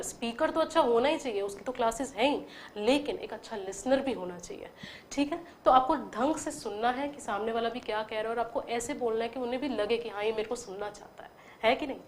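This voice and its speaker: A woman teaching an online spoken-English lesson, patiently explaining and modelling English phrases slowly with clear intonation. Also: a little high, slight background noise.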